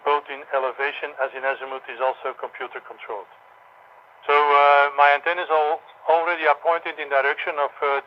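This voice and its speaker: Male radio operator, slightly high voice, halting procedural English over a muffled, faintly noisy link. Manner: halting, non-native English phrasing. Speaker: amateur radio ground station operator. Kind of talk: radio call and explanation, procedural.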